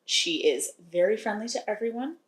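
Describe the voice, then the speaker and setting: Recorded in a roomy-sounding space, this woman speaks at normal speed with a medium-pitched, expressive voice. She co-hosts a podcast, laughing a lot as she gives a chatty, wry recap of a romance novel in casual conversation.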